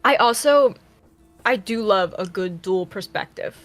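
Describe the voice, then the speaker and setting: Animated, eager woman co-host with a mid-range voice over faint music. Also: medium pitch, a little slow. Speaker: podcast co-host. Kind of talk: casual book chat.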